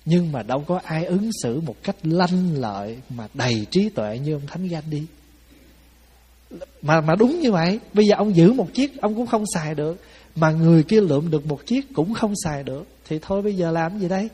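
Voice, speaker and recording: Storytelling monk in an echoing hall. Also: male voice, on the high side, moderate pace, slightly rough. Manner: lively, conversational, acts out quotes of people in his stories; asks the audience "phải không?". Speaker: Buddhist monk giving a dharma talk. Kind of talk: storytelling sermon. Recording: long hall reverb.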